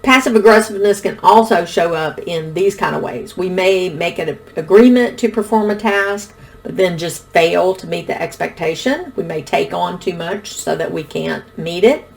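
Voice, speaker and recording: A middle-aged woman explaining communication styles in a calm, instructional video lesson. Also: fairly low pitch, normal speed, creaky. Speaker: relationship educator.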